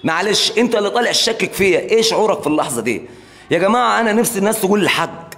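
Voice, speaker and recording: A man's voice: high-pitched, expressive, racing, a bit bright. A man making an impassioned, repetitive plea in a live interview. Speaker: interviewee, brother of a singer.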